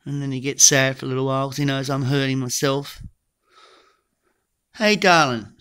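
Aussie woman w a low voice, teary, baby-talking her dog for a vlog. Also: completely flat delivery, quick pace, clear, resonant tone. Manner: soft, doting baby-talk to a dog. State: tearful, holding back crying.

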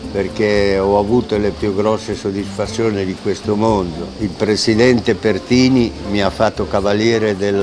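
Very deep-voiced man in his eighties. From Italy. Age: 80s. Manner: proud, unhurried storytelling with repeated restarts. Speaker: restaurant owner and chef. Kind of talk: interview, reminiscing. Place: covered restaurant terrace outdoors. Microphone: lapel mic. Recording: music playing under the voice.

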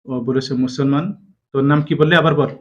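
A man working as a faith healer, sternly questioning a possessed patient, pressing for quick answers and repeating each reply back. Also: mid-range voice, steady tone. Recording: dull lo-fi recording.

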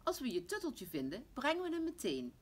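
A stern storybook mother who scolds with exasperation, her voice rising and falling widely, as a woman reads her aloud. The tone is husky and breathy. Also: sits high, wildly swooping pitch, fairly quick, voice pushed up, full character voice. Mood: soothing. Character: mother, stern but caring. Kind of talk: storybook reading.

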